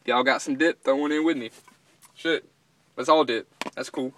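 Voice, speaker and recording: A young man with a medium-pitched voice talks at a moderate pace, chatting casually to camera. He's a vlogger who reviews dip, recording from inside the cab of a parked pickup truck.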